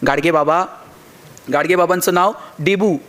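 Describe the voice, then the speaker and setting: A man's voice: high-pitched, normal speed, fairly bright tone. A man giving a motivational public speech, telling funny stories and talking directly to his audience. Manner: humorous storytelling, addresses the audience directly. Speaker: motivational speaker.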